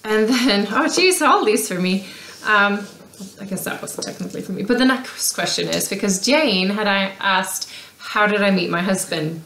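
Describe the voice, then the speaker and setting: A woman from Denmark, co-hosting a casual podcast and telling stories in a relaxed, chatty way. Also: medium pitch, normal speed, a little hiss or hum. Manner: relaxed, chatty storytelling with fillers. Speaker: podcast co-host. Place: home craft room, seated with co-host. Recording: roomy echo.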